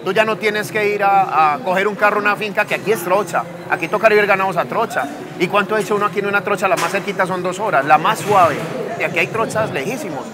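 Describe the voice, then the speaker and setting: A man's voice: high voice, quick pace. A man with a Colombian accent talking casually and persuasively in an interview, in colloquial speech. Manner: colloquial, persuasive, asks rhetorical questions. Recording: loud music and crowd noise behind. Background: loud music, crowd.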